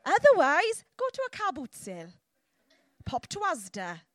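Animated high-voiced south Welsh woman preacher. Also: moderate pace, no echo. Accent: south Wales Welsh. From Llanelli, south Wales. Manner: animated, teasing, often checks in with listeners using short questions. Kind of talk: lively informal sermon to a congregation.

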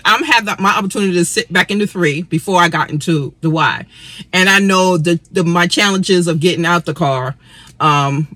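A woman's voice: fairly low pitch, fairly bright tone, dry recording. A woman co-hosting a casual vlog from inside a car, chatting in a rambling way with many restarts. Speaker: vlog co-host. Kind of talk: casual chat.

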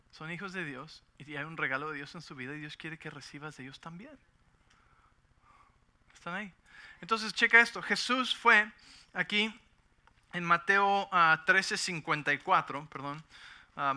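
Pastor, middle-aged man, high bright tone, conversational sermon with frequent check-ins. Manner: conversational, asks for agreement often.

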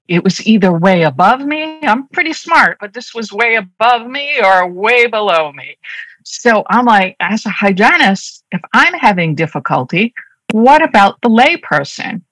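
A woman's voice: mid-range voice, fairly bright tone, no echo, rough recording. A middle-aged woman speaking with a strong Boston accent, dropping her R's. She talks in a chatty, upbeat way with a touch of self-deprecating humor, as a guest on a podcast. Her voice is recorded dry, with no room sound. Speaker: dental hygienist. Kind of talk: casual interview talk.

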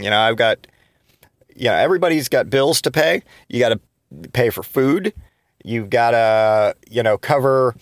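A man's voice: medium pitch, no room sound, clean studio sound. A man in his thirties hosting a solo podcast, venting in frustration with frequent restarts and swearing. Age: 30s. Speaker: podcast host.

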